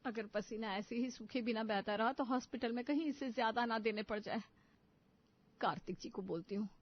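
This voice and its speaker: A sharp-tongued young wife who is touchy about money and quick to quarrel, as a woman narrator plays her. She talks in a complaining way at a fairly high pitch. The sound is dull and lo-fi. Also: natural voice. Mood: fretting.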